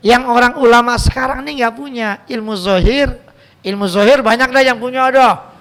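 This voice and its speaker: A man's voice: very high voice, brisk, fairly bright tone, clear, resonant tone. A man with a Jakarta Betawi accent teaching a mosque study circle in a casual, joking way, reading Arabic text and then explaining it in slangy everyday speech. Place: mosque hall.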